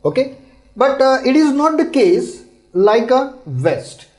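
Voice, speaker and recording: Guy teaching hindi, high voice that jumps around a lot, repeats every word slowly. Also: very animated, a little mellow, low-quality recording. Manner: explains slowly, repeats words, syllable by syllable. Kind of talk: language lesson.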